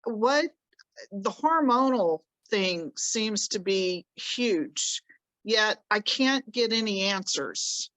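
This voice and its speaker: A woman's voice: mid-range voice, lively intonation, slow, a bit bright, no echo, poor audio. A woman in her sixties asking earnest, hesitant questions during a casual group call. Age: 60s. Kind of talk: casual panel chat.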